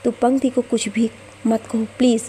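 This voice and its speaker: A man's voice: very high voice, level tone, moderate pace, dark tone, slight background noise. A woman voicing a young man pleading to be heard.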